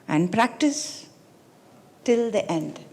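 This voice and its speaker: Soft-spoken woman reminiscing on a panel. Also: medium pitch, expressive, slow, low-quality recording. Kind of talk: reminiscing conversation on stage. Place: talk venue stage.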